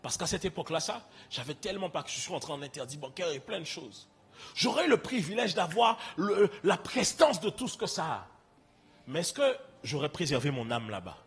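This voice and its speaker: A man's voice: a little high, big pitch swings, brisk, gravelly, breathy edge. A young man with a French Caribbean accent, preaching a sermon and telling his own story directly to the congregation in a conversational way. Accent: French Caribbean (Antillean). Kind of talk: sermon with personal testimony.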